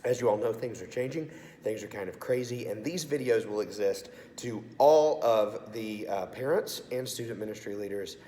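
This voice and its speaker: A man's voice: fairly low pitch, normal speed, mellow, slight background noise. A man with a congested, sore-throated voice gives an upbeat, informal video message as a youth pastor. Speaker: assistant pastor of student ministry. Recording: echoey, reverberant room sound.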